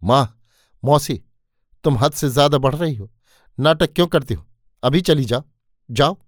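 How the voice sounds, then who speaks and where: A hot-headed young husband who talks bluntly and shouts, played by the storyteller. A plain male voice, dry and close to the mic. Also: mid-range voice, moderate pace, dry recording, close to an everyday voice. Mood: angry.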